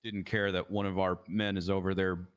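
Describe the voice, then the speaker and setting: A man playing an officer in a game role-play, asking halting, pointed questions at a briefing. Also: low-pitched, flat delivery, smooth.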